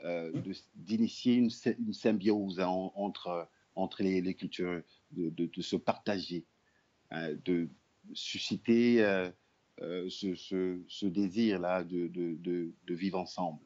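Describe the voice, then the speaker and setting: Very deep-voiced hesitant man. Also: steady tone, slow pace, darkish tone, highs cut off. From Republic of the Congo. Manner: hesitant, many fillers and restarts. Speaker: guest, actor, puppeteer, storyteller. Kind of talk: interview answers.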